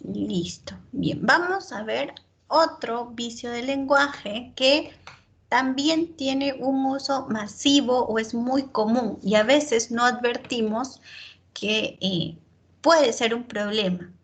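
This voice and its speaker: A woman's voice: on the high side, slow. A woman teaching a class, explaining patiently with spoken examples and constantly checking in with short tag questions. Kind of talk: online class lecture.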